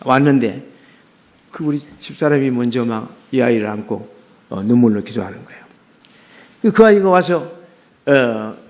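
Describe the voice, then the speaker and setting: A middle-aged man preaches a sermon in a voice of ordinary pitch. He tells his own experience earnestly and often stops to restart a phrase. He also fills the gaps with short filler sounds. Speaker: pastor. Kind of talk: sermon with personal testimony.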